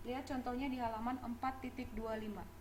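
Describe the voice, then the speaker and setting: A woman's voice: on the high side, fairly even intonation, a little fast, background noise. A woman teaching English in a classroom, mixing Indonesian and English as she drills students on verb forms and pronunciation, with frequent small laughs. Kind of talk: classroom lecture.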